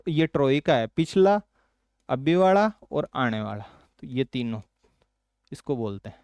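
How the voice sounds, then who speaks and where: A male teacher from Rajasthan, India, runs a current affairs exam-prep lesson, asking quick questions and then answering them lower and softer. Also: animated, clean tone, no room sound.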